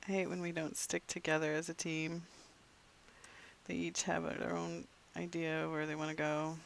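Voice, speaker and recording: A game streamer chatting casually to viewers while playing, rambling along and dropping into soft muttered asides. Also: medium pitch, monotone, normal speed, vocal fry, a little hiss or hum. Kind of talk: casual gameplay chat to viewers.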